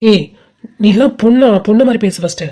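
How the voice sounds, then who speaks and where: A woman's voice: on the high side, fast talker, mellow, close to an everyday voice. A woman voicing a cocky, mocking young college man in an amateur cartoon, with a sneering, teasing delivery. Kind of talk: amateur animated cartoon dub.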